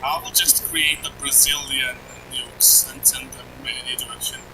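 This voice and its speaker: A man's voice: medium pitch, fairly even intonation, normal speed, creaky, far from the mic, music in the background, poor audio. A man chatting casually on voice chat with gaming friends, joking and laughing.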